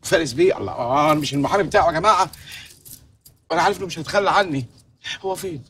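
A frantic Egyptian lawyer, played by a man rattles off his words at breakneck speed in a high, bright voice. He pleads and protests in a flustered rush, over a soft music bed. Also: rapid-fire, a little hiss or hum, close to an everyday voice. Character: bumbling fast-talking man, a lawyer just out of custody. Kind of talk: comedy series acting.

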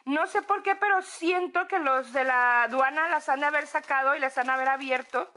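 A young Mexican woman with a Mexican accent, gushing excitedly in a casual home vlog from her apartment. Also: high voice. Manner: excitable, gushing, drawn-out words. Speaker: vlogger.

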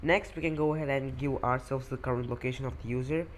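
A man's voice: medium pitch, fairly even intonation, fast talker, slight background noise. A man hosting a coding tutorial, walking through code step by step with occasional fillers over a screen recording.

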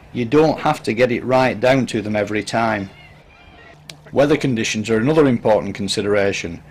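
A man's voice: mid-range voice, rough recording. Man narrating a fishing documentary. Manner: measured, instructive. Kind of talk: scripted narration.

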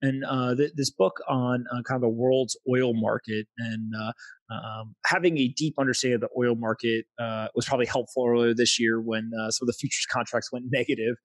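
A man, hosting a podcast and asking questions in a relaxed way with many fillers. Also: mid-range voice, fairly quick, no echo. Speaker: podcast host. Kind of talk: casual interview hosting. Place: small room, indoors. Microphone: studio mic with headphones.

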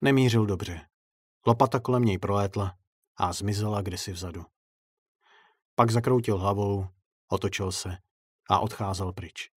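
A man narrating a dark short story in steady, measured audiobook style. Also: fairly low pitch, breathy edge, no echo.

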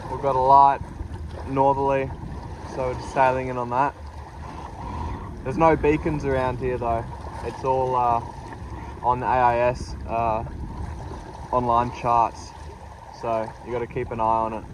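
A man's voice: mid-range voice, measured pace, long pauses. A man, talking casually about his solo sailing trip into a phone held at arm's length out on the water. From Australia. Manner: relaxed, matter-of-fact, with frequent ums and uhs. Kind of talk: casual travel vlog. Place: outdoors on a small sailboat on open water. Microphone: phone camera held at arm's length. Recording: dull phone audio with loud wind and boat noise.

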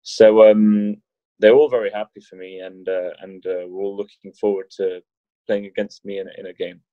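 A man's voice: lowish voice, level tone, moderate pace, no echo, highs cut off. A man, a wheelchair rugby league player, chatting casually as a guest and telling stories with restarts and jokes. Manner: rambling, many restarts, jokey. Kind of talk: casual chat.

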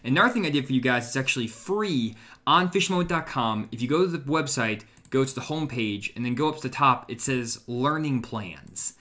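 A young male host chats over a video call from his room at home, eagerly pitching and recommending with plenty of ums and likes. His voice sits at an everyday middle pitch, relaxed and conversational. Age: young adult. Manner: enthusiastic promotional pitch with fillers. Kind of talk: casual live-stream chat.

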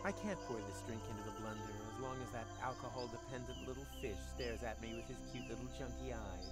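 A man's voice: medium pitch, fast talker, close to an everyday voice. An actor playing a cocky, sarcastic young male adventurer in a video game. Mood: wisecracking. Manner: wisecracking, sarcastic. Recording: game audio with clear background music.

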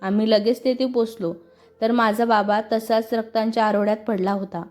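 A young woman mourning her father, voiced by a woman reading a story. She speaks tenderly and confidingly, in a mellow, fairly high voice. Faint music plays behind her. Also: steady tone, normal speed, close to an everyday voice. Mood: grieving. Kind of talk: storybook dialogue.

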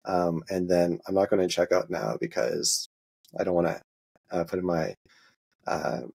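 A man with a very deep, gravelly voice that has a husky edge, guesting on an interview as an open source maintainer. He walks through a software demo in a halting, easygoing way, dotted with filler sounds. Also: lively intonation.

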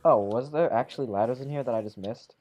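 In a mid-range, slightly mellow voice over a bit of background noise, a man talks casually with friends as they play a video game. His speech rambles and self-corrects, punctuated by quick exclamations.

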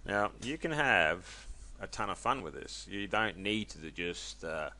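A man casually walking viewers through a software tutorial, chatty and loose, with many ums and self-corrections. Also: low voice, lively intonation, a little slow. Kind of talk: casual screen-recorded tutorial.

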